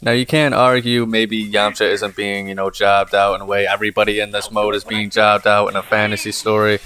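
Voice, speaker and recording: A man hosting his gaming channel, talking in a monotone, rambling commentary full of fillers as he plays. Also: fairly low pitch, fairly quick, slight background noise. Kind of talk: casual gameplay commentary. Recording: game music playing under the voice.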